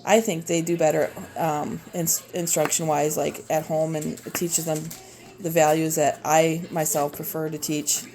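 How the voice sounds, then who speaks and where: A woman in her thirties with a Minnesota accent, a homeschooling mom and cooking vlogger, chops vegetables at home while chatting in a rambling, halting way with plenty of fillers. Her voice is deep and dark, with little pitch movement, and faint music plays behind her. The casual cooking video is recorded on a phone propped on the counter.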